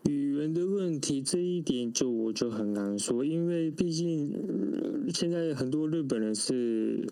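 Halting male guest with Japanese accent. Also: a little high, animated, vocal fry, mellow, low-quality recording. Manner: halting, searching for words. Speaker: interview guest. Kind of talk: conversational interview answers.

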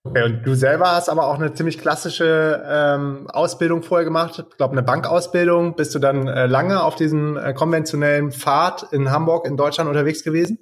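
A man's voice: a little high, fairly even intonation, a little fast. A man hosting a casual interview, asking questions in an upbeat, enthusiastic way. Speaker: podcast host, interviewer.

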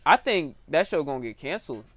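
A young American man chatting casually as a podcast host, with a slangy, animated way of talking. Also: a little high, fast talker, crowd noise. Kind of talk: casual chat.

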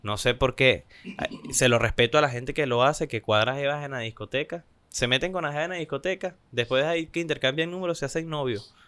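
A man's voice: fast talker, smooth, no echo. A young man with a Venezuelan accent co-hosting a casual podcast chat, telling stories and acting out what people said. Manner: animated storytelling, acts out quotes in higher voices. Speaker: podcast co-host.

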